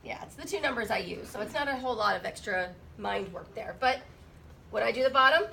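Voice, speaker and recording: A woman's voice: on the high side, expressive, brisk, gravelly, bright, forceful tone, a little hiss or hum, rough recording. A woman teaching a math class while sick. She asks her students questions and jokes with them. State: sick, rough voice. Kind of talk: classroom lesson.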